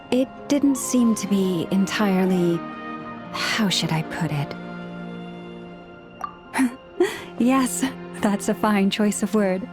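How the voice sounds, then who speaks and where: A woman with a natural, mid-range voice plays a gentle, dignified antlered priestess in a video game. She speaks politely, formally, and in a measured way.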